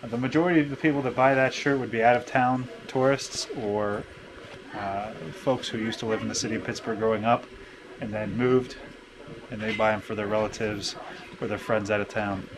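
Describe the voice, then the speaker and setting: A man's voice: on the low side, steady tone, normal speed. A man who works in a shop, answering questions in a casual interview. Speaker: shop employee being interviewed. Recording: noisy shop location ambience.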